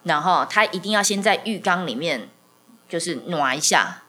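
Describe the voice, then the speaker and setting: Bright-voiced woman host. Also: fairly low pitch, moderate pace. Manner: animated, acts out dialogue with frequent laughter. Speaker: podcast host and communication teacher. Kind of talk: casual conversational storytelling.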